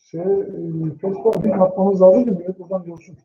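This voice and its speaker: A man's voice: high voice, steady tone, brisk, mellow. A man hosting a casual livestream, chatting to viewers in a brotherly way and often repeating himself. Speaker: livestream host. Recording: muffled lo-fi livestream audio.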